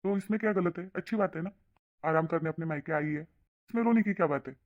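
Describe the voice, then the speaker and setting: A woman voicing a caring young adult son and brother in a cartoon, asking quick, concerned questions. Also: on the low side, lightly acted. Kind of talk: cartoon voice acting. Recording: dull lo-fi sound.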